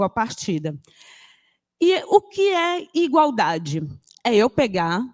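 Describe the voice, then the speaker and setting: A woman's voice: a little high, a little mellow, dry recording, studio quality. A woman from northern Brazil, giving an explanatory classroom lecture. She talks conversationally and keeps checking that her students follow. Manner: conversational, checks understanding with frequent tag questions.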